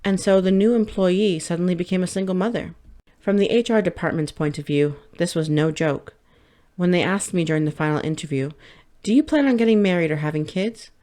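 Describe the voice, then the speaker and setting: A woman reading a first-person light novel audiobook in a steady, measured way. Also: on the low side. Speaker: audiobook narrator.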